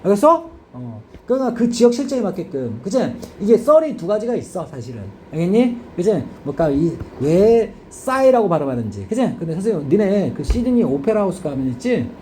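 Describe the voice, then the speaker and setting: Lively Korean man teaching English grammar. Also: high voice, brisk, hardly any pauses, a little hiss or hum. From South Korea. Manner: constant checking questions to students. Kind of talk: classroom grammar lecture.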